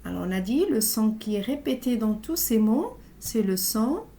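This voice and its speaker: A woman teaching a reading lesson to young children, sounding out letters and syllables slowly and deliberately. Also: fairly high pitch, expressive, dark tone. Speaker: primary school teacher.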